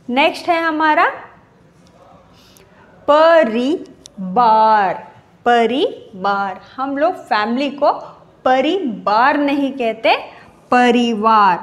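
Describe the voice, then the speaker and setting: A woman's voice: on the high side, animated, very slow, long pauses. A woman teacher giving a grade-school grammar lesson, spelling words out syllable by syllable and repeating each one drawn out.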